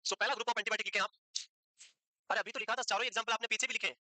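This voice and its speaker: A teacher giving a pharmacology lecture, asking the class quick questions, answering them, and repeating key terms slowly for note-taking. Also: mid-range voice, fairly even intonation, bright, forceful tone, no room sound, rough recording. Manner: quizzing students with quick questions, then answering. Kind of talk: classroom lecture mixing Hindi and English.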